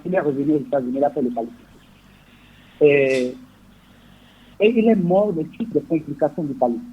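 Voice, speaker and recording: A man's voice: fairly high pitch, slightly rough. Hesitant male radio show caller on phone. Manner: hesitant, many fillers and restarts. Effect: radio show caller heard over a phone line. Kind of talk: call-in question to a radio show. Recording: muffled phone line with faint noise.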